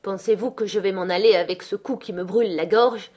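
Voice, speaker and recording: A woman's voice: medium pitch, fairly even intonation, a little fast, darkish tone, close to an everyday voice. A woman voicing a violent, contemptuous young man in an audiobook, sneering and threatening. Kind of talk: audiobook character reading.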